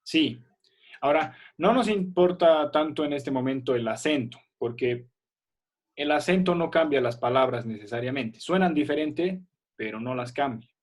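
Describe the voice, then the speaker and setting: A man's voice: mid-range voice, animated, moderate pace. A man teaching a primary school class on a video call, patient and checking that students follow. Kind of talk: online class explanation.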